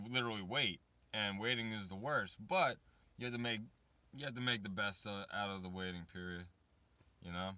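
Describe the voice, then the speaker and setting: In a rambling, foul-mouthed chat with his viewers about waiting and kids, a man in his thirties vlogs while speaking straight to chat. His lowish voice comes across bright and forceful, with no room sound.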